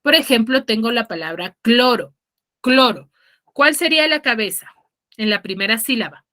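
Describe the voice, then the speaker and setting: Woman teacher, online lesson, patient explaining, asks students questions, sharp bright tone, a bit high. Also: lively intonation, moderate pace. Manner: checks understanding with frequent "ya?" and questions students; patient, explanatory, stresses key words.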